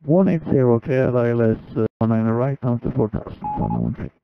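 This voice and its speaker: A man speaking as a pilot, reading back air traffic control instructions over the radio in halting procedural phrases. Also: medium pitch, very animated, creaky, clear, resonant tone. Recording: dull lo-fi radio audio.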